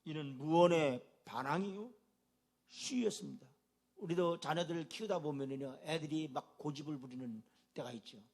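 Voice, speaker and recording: A man with a notably high voice preaches a sermon to his congregation. He asks rhetorical questions and swings between quiet, low passages and loud, emphatic ones. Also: normal speed. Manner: emphatic preaching with rising and falling intensity. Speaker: pastor.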